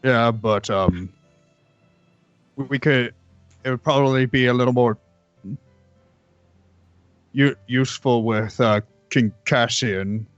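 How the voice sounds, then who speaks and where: A man role-plays at a tabletop game in a slow, halting voice. He stammers as he goes. The sound is dull and close, with music underneath. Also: mid-range voice, no room sound. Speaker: player. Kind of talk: in-character tabletop role-play. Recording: muffled sound with music behind.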